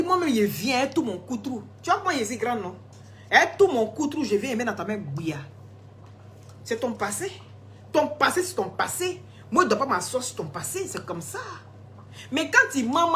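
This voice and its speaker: A hoarse woman, scolding and gossiping in a casual live stream, laughing often. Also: fairly high pitch, slight background noise. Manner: animated, scolding, laughs a lot. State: hoarse, sore throat.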